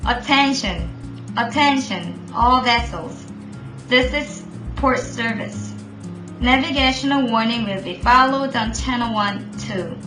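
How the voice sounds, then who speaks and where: A woman whose voice sits a little high takes her time playing a port control operator in a scripted maritime radio role-play. She speaks in the clipped, formal style of radio procedure. Behind her there is music and an echoey room.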